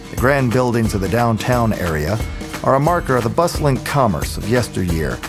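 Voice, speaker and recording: Smooth male audio guide narrator over music. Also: fairly low pitch. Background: background music.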